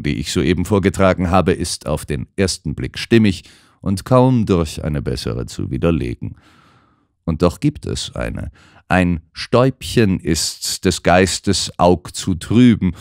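A man voicing a calm, shrewd gentleman detective who lays out his reasoning in measured, precise sentences, in an audiobook. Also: low voice, no room sound, clean studio sound. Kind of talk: audiobook character voice.

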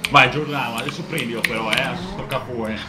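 A man's voice: medium pitch, fairly even intonation, a little fast. A man improvising in-character chat during an online role-play game. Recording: very noisy, roomy, distant mic, keyboard clatter.

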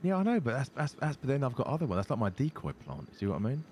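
Man, British accent, quick talker, swinging pitch, matey swearing, game role-play, slight background ambience. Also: wildly swooping pitch, a little mellow, a little hiss or hum. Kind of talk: improvised in-character game chat.

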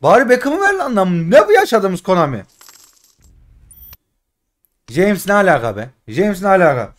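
High-voiced man pleading over game packs. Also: very animated, normal speed. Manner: frustrated pleading and grumbling, swings between loud and muttered. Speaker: gaming streamer. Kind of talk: casual live commentary while opening game packs.

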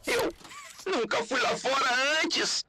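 A piercingly bright, high cartoon chicken mascot, cheerful and naive. It sounds eager to play, like a video game toy, over slightly noisy playback. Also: slow pace, heavily acted. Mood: eager, inviting. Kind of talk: dubbed video game character.

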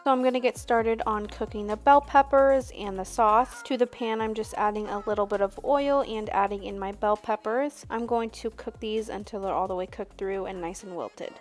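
A young woman talks a home cook through each dinner step in an easygoing, matter-of-fact voice-over, with soft music running underneath. Her voice sits at an ordinary middle pitch and stays unhurried and practical as she explains. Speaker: cooking channel host. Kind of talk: casual cooking voice-over.

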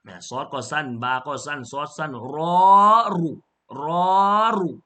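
A man teaching Quran reading in a lesson, spelling out syllables slowly, correcting pronunciation and chanting the verse in a melodic tone. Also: on the high side, fairly bright tone.

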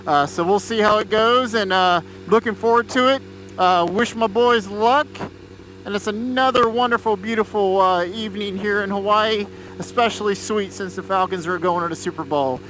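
American guy motovlogging inside his helmet, higher bright voice, road noise behind him, just chatting. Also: moderate pace, rough recording. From Georgia, United States. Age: 30s. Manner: talking from inside a helmet while riding. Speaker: motorcycle vlogger. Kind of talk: casual chat while riding. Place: outdoors on a moving motorcycle. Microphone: mic inside a helmet.

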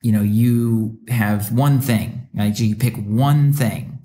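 A man's voice: on the low side, takes it slowly, dark tone. A young adult man co-hosting a podcast, reflective and rambling, with many restarts and fillers. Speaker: podcast co-host. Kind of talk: reflective casual chat.

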